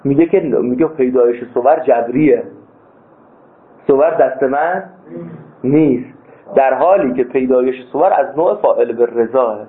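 A man teaching a philosophy class as a seminary lecturer, stressing key points with sudden leaps in pitch. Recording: tinny phone-like sound.

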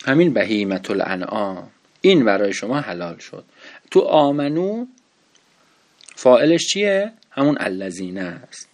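A man with a fairly low voice teaches a grammar class. His delivery is lively and full of rising and falling pitch. He slows down to read Arabic passages and then quizzes himself on them. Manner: explains patiently, asks and answers his own questions, reads Arabic text slowly.

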